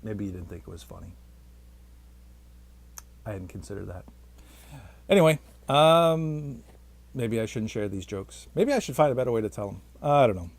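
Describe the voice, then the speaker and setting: A man's voice: lowish voice, animated, normal speed, gravelly, long pauses, no room sound. Rambling, hesitant man vlogging. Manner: rambling, hesitant, self-deprecating. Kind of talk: rambling casual monologue.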